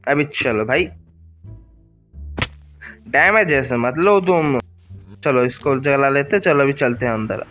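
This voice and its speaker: A young Indian man commentating his own gameplay in a casual, excitable way, shouting and pleading at game monsters. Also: mid-range voice, slow, pauses often. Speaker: gaming YouTuber. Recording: faint background music.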